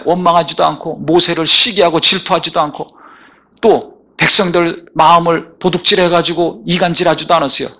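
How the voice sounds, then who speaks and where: A man's voice: high voice, vocal fry, sharp tone. A male pastor preaching a sermon in a church, building emphatic repeated phrases and calling for responses. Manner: preaching with rising emphatic repetitions and call-and-response. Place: church sanctuary.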